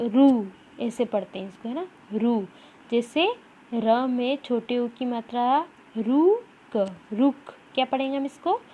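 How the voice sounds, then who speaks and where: A woman with a high voice teaches children to read. She speaks slowly, stretching each syllable and repeating every word so it can be copied. The recording is dull and lo-fi. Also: slight background noise. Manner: drawn-out syllables, repeating words aloud for children. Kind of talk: children's Hindi reading lesson.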